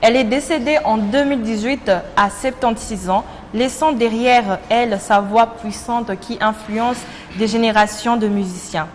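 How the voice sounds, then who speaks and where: A young woman from Congo hosts a casual TV chat show in a slightly high voice. She talks in a playful, chatty way and laughs at herself. The studio sound has a long reverb with faint ambience behind her. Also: steady tone, moderate pace, slight background noise. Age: young adult. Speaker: TV show host.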